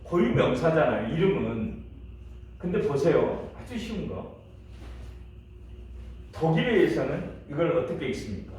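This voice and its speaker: A man's voice: a little high, sing-song, unhurried, long pauses, a little mellow. A middle-aged male pastor teaching a church history class in a chatty way, asking the class questions and laughing now and then. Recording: echoey room, mic from a distance, faint hiss.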